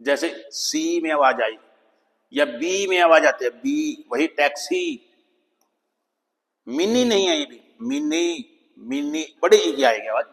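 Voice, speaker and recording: A man with a fairly high voice gives a patient pronunciation lesson. He explains each sound, then says the model words slowly in a lower voice. His voice carries a long reverb, as if in a hard, echoing room. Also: animated, fairly bright tone. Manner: patient, repeats example words slowly, drops pitch on model words. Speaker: English pronunciation teacher.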